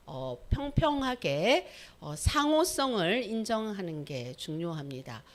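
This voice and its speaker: A woman with a fairly high voice leads a church teaching session. She moves through her points in order, puts questions to the listeners, and slips into short acted exchanges to show how people talk. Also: fairly bright tone. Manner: acts out everyday dialogue, asks the audience questions; affirming "예" between points. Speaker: church speaker, pastor's wife. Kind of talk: Sabbath school teaching talk.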